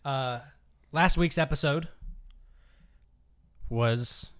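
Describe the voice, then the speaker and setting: A man's voice: mid-range voice, drawn-out words, fairly bright tone, clean tone. A man with a mid-range voice hosts a casual chat. He is upbeat and playful, teasing his co-host while steering from one topic to the next. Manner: upbeat, teasing, leads the talk. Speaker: podcast co-host.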